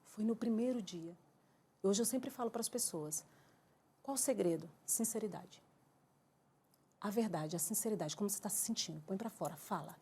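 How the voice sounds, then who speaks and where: A Brazilian woman giving an emotional church testimony, telling her story with lively acted-out dialogue. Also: mid-range voice, moderate pace, long pauses, slightly rough. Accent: Brazilian Portuguese. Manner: animated storyteller acting out her own quoted dialogue.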